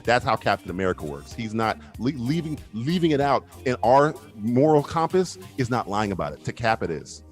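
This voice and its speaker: A man on a call arguing fast and heatedly in a casual debate, swearing a lot and acting out quotes. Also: mid-range voice, very animated, soft background music. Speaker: co-host. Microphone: video call.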